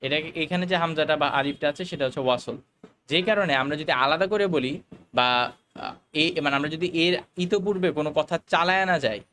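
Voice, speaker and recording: A man teaching a recorded Arabic lesson, explaining the grammar slowly, with fillers and English words mixed in. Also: fairly high pitch, a bit bright, slight background noise.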